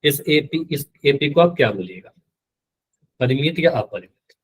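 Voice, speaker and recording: A man's voice: medium pitch, animated, measured pace, husky. A man teaching a live online math class, patient and repetitive, often quizzing his students. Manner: patient, repeats key terms and quizzes students.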